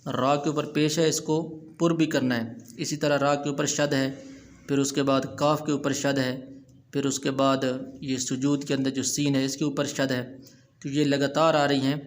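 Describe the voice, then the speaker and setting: A man with a Pakistani Urdu accent teaching tajweed, chanting verses slowly and then explaining the rules in quick plain speech. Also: mid-range voice, level tone. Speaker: Quran recitation teacher. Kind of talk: Quran tajweed lesson.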